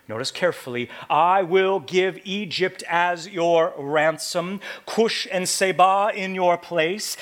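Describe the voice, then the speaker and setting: A man preaching a sermon as pastor, swinging between quiet, intense passages and loud emphatic ones, often asking the congregation rhetorical questions. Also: medium pitch.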